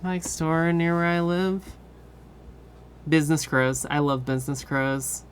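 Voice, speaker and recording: Woman streamer, low voice, drowsy casual chat, faint background hum. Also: a little slow. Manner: relaxed, drowsy, swears casually, trails off. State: tired. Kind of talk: casual chat with live viewers.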